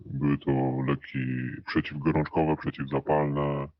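To hide his identity, this interview guest's voice has been electronically lowered to an unnaturally deep, rumbling pitch. Speaking in a monotone, he answers slowly and hesitantly, stretching out "e" sounds to fill the gaps. The recording is dry, dull and muffled, with no room sound.

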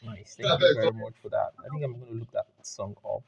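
A man's voice: lowish voice, expressive, fast, gravelly, breathy edge. A man hosting a casual book club voice chat, rambling with frequent restarts and fillers. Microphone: home mic on voice call. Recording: lo-fi voice chat audio.

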